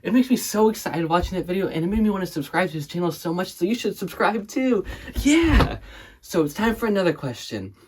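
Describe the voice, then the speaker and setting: A man playing an overexcited male interviewer in a comedic skit, gushing and shouting with over-the-top enthusiasm. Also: high voice, animated, a little fast, noisy background, voice pushed up. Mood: hyper excited.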